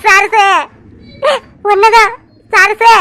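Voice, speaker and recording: A woman's voice: very high-pitched, flat delivery, drawn-out words, sharp tone, exaggerated voice, poor audio. A woman voicing a grieving village wife who wails and pleads through tears in a cartoon. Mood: sobbing. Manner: wailing, pleading. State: crying.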